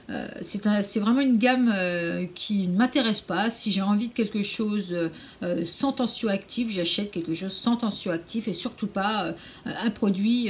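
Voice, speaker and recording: A woman's voice: mid-range voice, darkish tone. A woman chatting casually in a beauty vlog at home, frank and a little sarcastic, now and then cooing to her cat. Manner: frank and opinionated, mildly sarcastic. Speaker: beauty vlogger. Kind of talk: casual anti-haul vlog chat.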